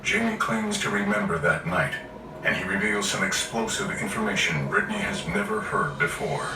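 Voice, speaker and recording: A man's voice: fairly low pitch, huge pitch swings, moderate pace, reverberant, far from the mic, background noise. A man reading scripted true-crime documentary narration for television.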